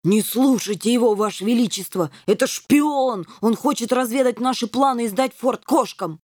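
A woman voicing a shrill, scheming male dog general with a rasping, insistent voice. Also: normal speed, a little mellow, no room sound, clean studio sound, natural voice. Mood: alarmed, insistent.

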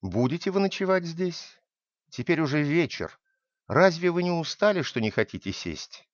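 A frightened old woman who keeps a village house, her pleading voice leaping about as a man reading a storybook puts her on. Her anxious questions come out in a lively, swinging pitch. The recording is dry and a little dull. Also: moderate pace, dry recording. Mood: uneasy.

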